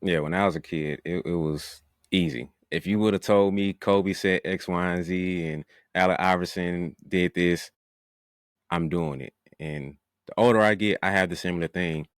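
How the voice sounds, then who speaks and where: Male podcast host, very deep, laid-back and reflective; dry close-miked sound. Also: normal speed, no room sound. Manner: relaxed, reflective, slips into slang. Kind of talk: casual podcast chat.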